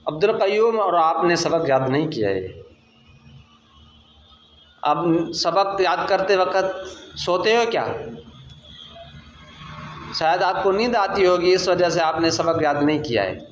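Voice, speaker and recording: Guy with a high voice running a kids recitation class, lots of praise, quick corrections, echoey room. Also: lively intonation, a little hiss or hum. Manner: encouraging, constant praise and firm corrections. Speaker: Quran teacher of young children.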